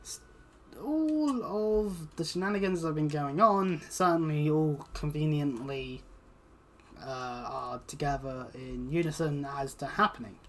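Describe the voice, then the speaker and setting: Unhurried and medium-pitched, a British let's player swears and throws out sarcasm through casual, rambling gameplay commentary. Video game music plays underneath, with slight background noise.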